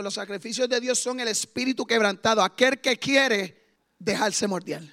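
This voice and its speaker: Male preacher with a high, bright voice and a fervent delivery that swings between hushed and loud. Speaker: guest preacher. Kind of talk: sermon.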